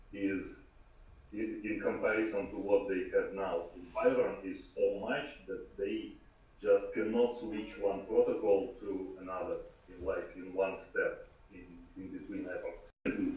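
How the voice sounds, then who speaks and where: A man with a thick Russian accent explains technical matters informally, in halting, deliberate phrases. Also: low voice, darkish tone. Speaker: remote guest expert. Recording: echoey, distant, dull remote call audio.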